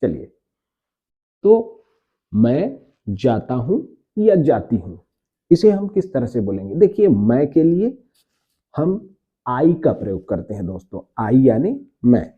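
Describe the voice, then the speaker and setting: Guy teaching grammar real slow, husky voice, pitch swings a lot, sounds like a phone line. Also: very animated. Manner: slow, repeats words and spells them out letter by letter; addresses viewers warmly as friends. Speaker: English teacher. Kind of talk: spoken grammar lesson. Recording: tinny phone-like audio.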